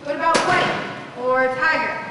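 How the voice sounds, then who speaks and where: A woman's voice: high-pitched, normal speed, close to an everyday voice. A young woman playing a curious, plucky girl in an amateur stage play. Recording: very echoey hall from far off, noisy.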